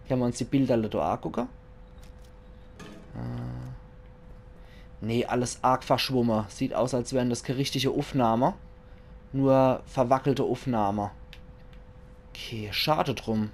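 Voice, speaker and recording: A man with a Palatinate German accent gives casual commentary on a video game. He sounds chatty and jokey and talks to himself as he plays. His voice sits at a middle pitch, with a light hiss of noise behind it. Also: slow, long pauses, a little mellow. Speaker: let's play commentator.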